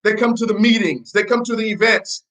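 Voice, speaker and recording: In a low-quality recording, a man whose accent blends American and Nigerian delivers network marketing training in a high, somewhat bright voice at a fairly quick clip. He preaches, repeats himself emphatically and tests the audience with questions.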